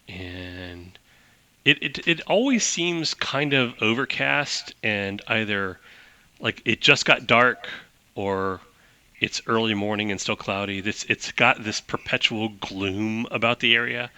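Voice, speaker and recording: A man's voice: lowish voice, creaky, bright, forceful tone, no room sound. A man narrating a tabletop game as game master, rambling with chuckling asides.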